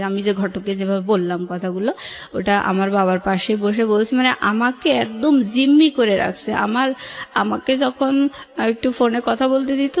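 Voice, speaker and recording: A young woman telling her own life story on a call-in show, rambling with many fillers and restarts. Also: fairly high pitch. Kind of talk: casual storytelling on a radio call-in.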